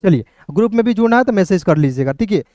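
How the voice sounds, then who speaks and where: A man teaching English spelling rules, spelling out letters slowly and often asking viewers whether it is clear. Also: sits high, lively intonation, warm tone, no room sound, clean studio sound. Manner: repeats questions to viewers, checks "clear?" often; slow, spelled-out letter drilling. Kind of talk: classroom-style spelling lesson. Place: hot room with a fan running.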